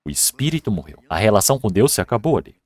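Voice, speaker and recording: A man's voice: fairly low pitch, big pitch swings, fast, dry recording. A male pastor preaching a sermon in a church and retelling a story with acted voices.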